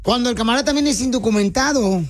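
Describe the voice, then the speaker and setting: A brash radio host with a very high voice for a man, teasing and needling his callers. Music runs faintly under his talk. He sounds loud, quick and combative.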